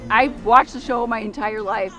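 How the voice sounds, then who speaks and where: A woman's voice: fairly high pitch, normal speed, bright, forceful tone, soft background music. A woman in her thirties from Minnesota, sincerely introducing herself to camera. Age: 30s. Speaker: drug counselor, contestant.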